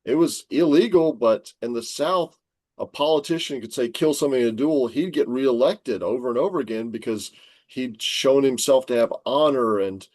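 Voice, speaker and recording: A man's voice: medium pitch, normal speed, a little mellow, dry recording. A man talking as a guest scholar on an interview podcast, explaining history in a storytelling way.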